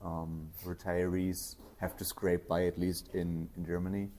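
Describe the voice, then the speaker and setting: Low-voiced male podcast host. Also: level tone, unhurried, dark tone, a little hiss or hum. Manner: short encouraging backchannels, asks questions with some fillers. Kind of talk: casual conversational interview.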